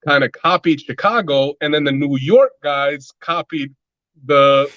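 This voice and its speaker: A man's voice: on the high side, measured pace, no room sound, dull audio. A man talking as a musician guest in a casual interview, loose and rambling with lots of filler words.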